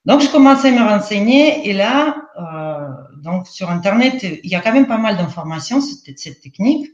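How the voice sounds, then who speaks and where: Russian woman guest, accented, halting, lo-fi roomy audio. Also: medium pitch, animated. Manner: hesitant, many fillers. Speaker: guest, EFT practitioner. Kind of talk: casual live interview. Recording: roomy, dull lo-fi sound.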